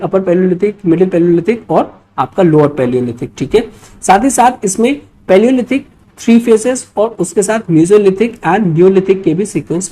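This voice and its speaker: This mid-range, dark-toned voice belongs to a woman with an Indian accent who teaches history for exams. In an explanatory lecture on quiz questions, she explains each point step by step, frequently adding short check-in tags.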